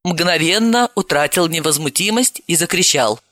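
A woman narrating a novel in an expressive, brisk storytelling manner. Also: fairly low pitch, no echo, clean studio sound. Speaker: audiobook narrator. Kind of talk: scripted narration.

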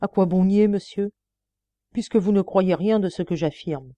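A woman's voice: medium pitch, moderate pace, warm tone, dry recording, natural voice. A woman reading the part of a defiant, ironic male murder suspect under questioning. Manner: mocking, then indignant pleading.

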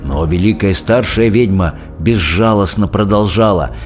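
A man narrating a storybook in an expressive, dramatic way. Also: fairly low pitch, measured pace, faint music behind. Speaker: audiobook reader.

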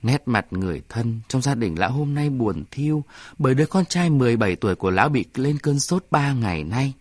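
A man reading a story aloud in a measured storytelling manner. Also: mid-range voice, expressive, no room sound. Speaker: narrator. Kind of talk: scripted story narration.

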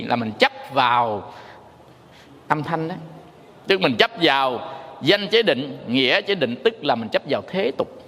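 Heard with long hall reverb, a male monk teacher's fairly high, gravelly, fairly bright voice carries a storytelling dharma talk in which he sings the tone syllables playfully to drive his point home.

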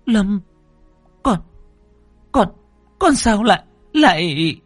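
A man's voice: high-pitched, big pitch swings, very slow, dry recording, faint music behind, pitched above the performer's own voice, heavily acted. A man voicing a grieving middle-aged mother who cries, stammers and pleads with her son. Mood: stunned, stammering. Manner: wailing, stammering pleas. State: crying.

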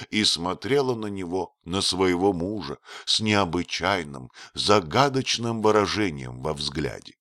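A man narrating an audiobook in a steady storytelling manner, slowing on key words. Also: sits low, no room sound, studio quality.

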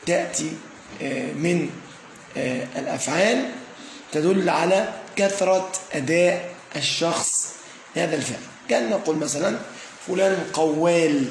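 A man teaching an Arabic grammar lesson, who checks in with "tamam?", fills pauses with "aah" and slowly stresses each word pattern as he lists examples. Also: sits high. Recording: echoey room with faint ambient noise.

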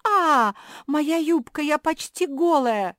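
A woman's voice: high-pitched, level tone, moderate pace, no room sound, studio quality, voice pushed up, natural voice. A woman voicing a shy young girl who squeals and whines. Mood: squealing. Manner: squealing, whiny.

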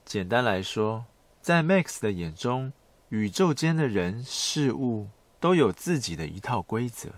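A middle-aged man hosting a podcast, narrating a script in a soft, intimate pillow-talk manner, like bedtime storytelling. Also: mid-range voice, big pitch swings, unhurried, no echo. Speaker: podcast host.

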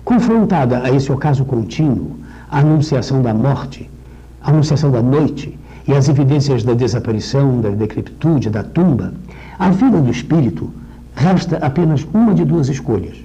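A middle-aged man giving a literature lecture, talking in a rambling, discursive way with restarts and slowing down to recite verse. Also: medium pitch, lively intonation, dark tone, breathy edge, dull audio. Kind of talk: literature lecture with poem readings.

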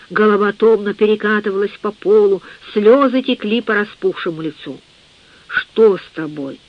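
A narrator reading a literary novel in a measured audiobook style, on a dull lo-fi recording. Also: medium pitch, no room sound.

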